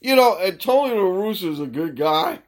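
Lively laughing man hosting a sports podcast. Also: high-pitched, moderate pace. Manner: laughs often, animated and teasing. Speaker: podcast co-host. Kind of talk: casual sports chat.

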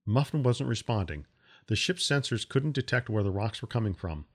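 A man, the author, narrating his own science-fiction audiobook in a steady storytelling manner. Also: lowish voice, moderate pace.

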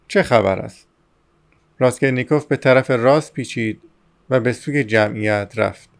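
Male audiobook narrator, measured novel reading, clean resonant voice. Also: mid-range voice, clean tone.

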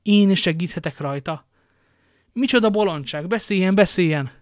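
A man's voice: sits high, no room sound, clean studio sound, pitched above the performer's own voice, natural voice. A man voicing an impulsive English duke who speaks in urgent exclamations, read aloud from a storybook. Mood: alarmed.

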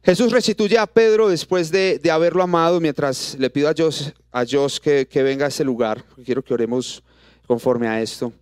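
A man's voice: a little high, normal speed, clean tone, dry recording, studio quality. Colombian man preaching to a congregation. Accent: Colombian Spanish. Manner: lively preaching, rhetorical questions, drops to soft intimate tones. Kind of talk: sermon. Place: church auditorium. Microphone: handheld microphone.

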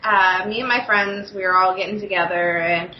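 A woman's voice: mid-range voice, steady tone, normal speed, roomy sound, dull audio. A woman hosting a podcast, telling a story in casual chat, with an easy laugh.

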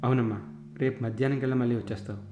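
A man's voice: medium pitch, fairly even intonation, racing, reverberant, music in the background, close to an everyday voice. A male storyteller voicing a determined middle-aged man who presses with eager questions.

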